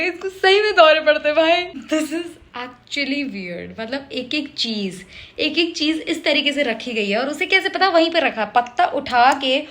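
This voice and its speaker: Woman reviewer, high voice, emotional, dramatic and repetitive, code-switching chat. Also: a bit bright. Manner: emotional, switches between Hindi and English mid-sentence; dramatic, repeats herself for emphasis. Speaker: show reviewer. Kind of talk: casual reaction review.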